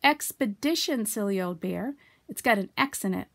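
A woman's voice: medium pitch, sing-song, brisk, vocal fry, no room sound. A woman voicing a confident, carefree, fondly bossy young boy in a storybook, explaining things breezily. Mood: breezy, instructing.

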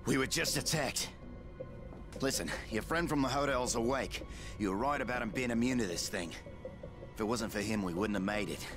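An actor playing a male head lifeguard with an Australian accent, earnest and steady as he leads survivors in a game. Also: mid-range voice, normal speed, music in the background, close to an everyday voice. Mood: urgent. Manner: earnest, pleading for help.

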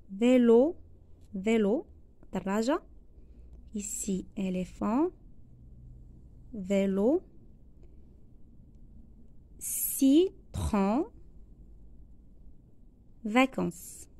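A woman teacher with a Moroccan accent, going slowly through a worksheet lesson, repeating each phrase and translating it into Arabic. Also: a little high, warm tone, no room sound. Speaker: primary school teacher.

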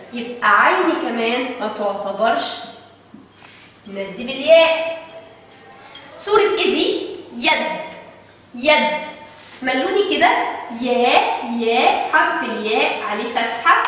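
Woman, Egyptian Arabic accent, high-pitched, teacher, slow drawn-out syllables, distant echoey recording, faint room noise. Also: fairly bright tone. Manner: sounds out syllables slowly and drawn out; asks the class questions and answers them herself. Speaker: early-years teacher. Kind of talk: recorded phonics lesson for young children.

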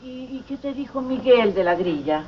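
An actress playing a gentle, soothing elderly grandmother with a Venezuelan accent. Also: a little high, expressive, moderate pace, slight background noise, natural voice. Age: older. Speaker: grandmother in a telenovela. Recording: dull TV audio with music.

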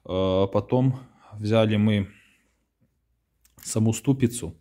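Male home mechanic, somewhat low voice, halting, filler-heavy garage walkthrough. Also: dark tone. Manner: halting, many fillers and restarts. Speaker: home mechanic showing his build.

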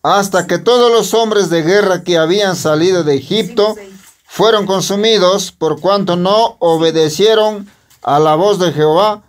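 A man reads scripture aloud for the congregation at an unhurried pace. His voice sits high, and he takes the verses one careful phrase at a time. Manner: slow, measured reading. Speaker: scripture reader. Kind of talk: reading Bible verses aloud.

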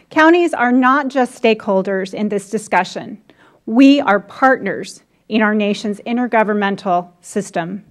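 A woman, a county commissioner from the United States, reading formal testimony at a congressional hearing in a measured, deliberate manner. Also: on the high side. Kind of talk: formal testimony read from prepared remarks.

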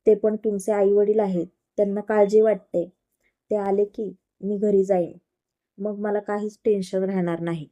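A woman's voice: mid-range voice, level tone, moderate pace, dark tone, lightly acted. A woman reading the lines of a caring, sensible young secretary in a storybook love story. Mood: insistent.

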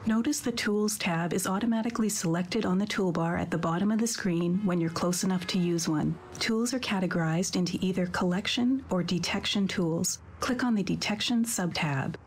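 Low-pitched woman narrating a game tutorial. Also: a little hiss or hum. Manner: clear-worded, instructional, composed. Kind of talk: scripted video game instructions.

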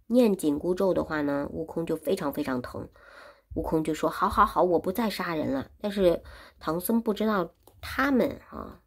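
A woman's voice: lowish voice, dark tone, breathy edge. A woman teaching Chinese who retells a classic story in simple words and repeats and explains each phrase. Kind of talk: storytelling lesson.

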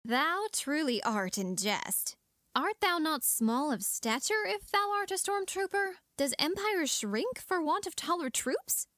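A woman playing a proud, sharp-tongued young princess, declaiming in Shakespearean verse. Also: high voice, very animated, unhurried, no room sound, studio quality, full character voice. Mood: mocking. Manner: scornful, declamatory. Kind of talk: amateur dramatic reading in Shakespearean verse.

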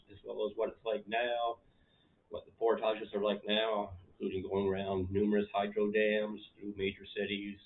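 A middle-aged man in his living room, talking casually to the camera as a channel host, relaxed and rambling, with plenty of fillers. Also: fairly low pitch. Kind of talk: casual vlog talk to camera. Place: living room at home, indoors. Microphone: camera in front of him. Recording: tinny phone-like sound.

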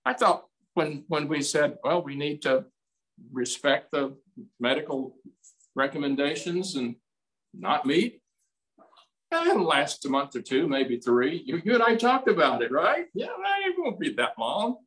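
A man in his eighties preaching a sermon as pastor, slow and emphatic in a folksy way, recorded on a desk mic in a small room. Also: fairly high pitch, sing-song, a bit bright, low-quality recording. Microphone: desk mic on stand, streamed over video call.

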